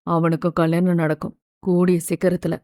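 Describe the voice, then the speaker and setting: A woman's voice: fairly low pitch, monotone, moderate pace, dark tone, no echo, clean studio sound, voice pushed down, close to an everyday voice. A woman voicing a consoling older father. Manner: soothing, reassuring.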